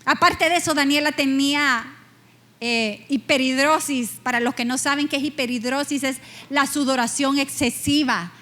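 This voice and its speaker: A middle-aged woman pastor preaching a personal testimony, emotional and earnest, slowing down for emphasis. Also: high-pitched, steady tone, bright, forceful tone. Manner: emotional, personal storytelling with slow emphatic pauses. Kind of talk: sermon testimony.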